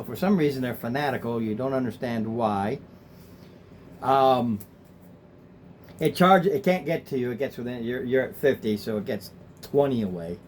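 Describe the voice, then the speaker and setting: A man's voice: mid-range voice, darkish tone, a little hiss or hum. A man running a tabletop game as game master, casual and chuckling, thinking aloud.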